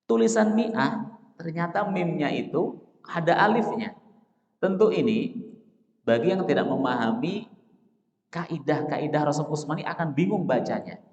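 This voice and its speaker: A man's voice: on the high side, lively intonation, a little slow, pauses often, a little mellow, muffled recording. Male mosque teacher in an echoey hall. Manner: asks the audience questions and answers them himself; addresses listeners as Pak, Bapak Ibu. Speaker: Islamic teacher. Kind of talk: dawn mosque study lecture.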